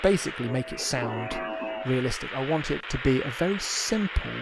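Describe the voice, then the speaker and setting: A man, a hobbyist developer hosting a livestream, runs a casual live demonstration, thinking aloud unscripted and often repeating phrases. His mid-range voice has lively intonation, a moderate pace and vocal fry, with loud ambient music creating heavy background noise.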